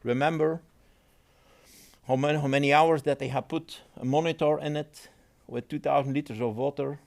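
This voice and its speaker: Halting man giving a technical talk. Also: on the high side, fairly even intonation, gravelly. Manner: halting, repeats words, non-native phrasing. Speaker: conference speaker. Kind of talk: technical presentation with audience Q&A.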